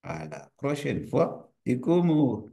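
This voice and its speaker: A male university lecturer and researcher, a native Portuguese speaker, explains a topic to camera in a relaxed, friendly manner. He often asks rhetorical questions and restarts his phrases. His voice is medium-pitched with vocal fry, and he takes things slowly.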